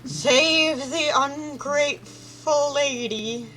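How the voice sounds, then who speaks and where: A woman's voice: sits high, drawn-out words, bright, forceful tone, faint music behind, poor audio. Rambling woman streamer. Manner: rambling, hesitant. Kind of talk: casual gaming chat.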